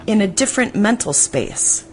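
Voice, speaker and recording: A woman reading a translation voice-over of a spiritual talk, explaining in a measured way. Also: medium pitch, big pitch swings, crowd noise, poor audio.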